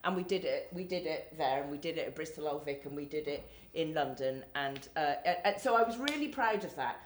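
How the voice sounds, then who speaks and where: A woman's voice: low voice, animated, brisk, slight background noise. Woman speaking in an echoey room. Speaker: panel speaker, actor. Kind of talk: conversational panel talk.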